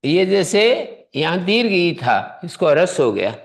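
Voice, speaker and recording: A man teaching a Sanskrit grammar class, explaining rules step by step and pressing his students to answer out loud. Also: on the high side, very animated, measured pace, gravelly. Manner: quizzes students, presses them to answer aloud. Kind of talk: classroom lesson.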